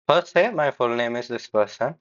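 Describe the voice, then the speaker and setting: A man explains how to improve answers on a speaking exam, stopping to correct and restate phrases. His voice sits at a middle pitch. The recording sounds a little dull and lo-fi. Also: lively intonation, normal speed. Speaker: IELTS coach giving feedback. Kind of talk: feedback commentary on a recorded test.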